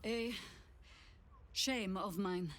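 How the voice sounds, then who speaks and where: A woman playing a weary old veteran fighter in a video game, speaking in a grave, measured, confessional way. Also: medium pitch, fairly bright tone. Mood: grave, regretful. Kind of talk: dramatic video game dialogue.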